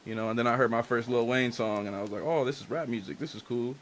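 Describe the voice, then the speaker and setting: Fast-talking and a bit bright at medium pitch, this young man is a music artist and engineer from a Dominican and Haitian family whose first language is Spanish. In a casual interview he discusses his influences in a loose, candid way, packed with "like" and slang.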